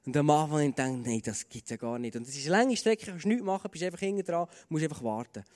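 A man's voice: a little high, expressive, fast talker, darkish tone. A man with a Swiss German accent preaching a sermon in an earnest, conversational way, with many fillers and repeated starts. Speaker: pastor. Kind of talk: sermon with personal stories. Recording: long hall reverb.

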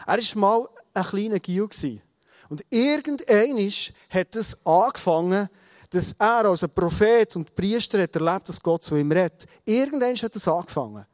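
A man with a Swiss German accent giving a sermon, reading a Bible story and speaking straight to the listener in a lively way. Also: high voice, normal speed, dry recording, clean studio sound. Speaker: preacher.

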